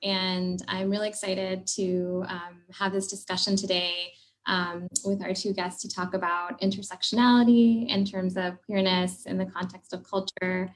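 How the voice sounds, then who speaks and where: A woman's voice: medium pitch, little pitch movement, moderate pace. Woman doctor hosting a video panel. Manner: friendly, with many ums. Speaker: host, family medicine doctor. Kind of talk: moderating a panel. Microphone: video call.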